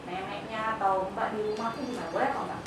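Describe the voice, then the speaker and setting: A woman in the audience asking the speaker questions in a soft voice. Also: medium pitch, fairly even intonation, quick pace, slight background noise. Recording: distant echoey hall with loud crowd.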